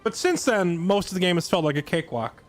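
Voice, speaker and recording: A man's voice: sits high, big pitch swings, normal speed, soft background music. A tired man chatting casually on his live stream, sarcastic and self-deprecating.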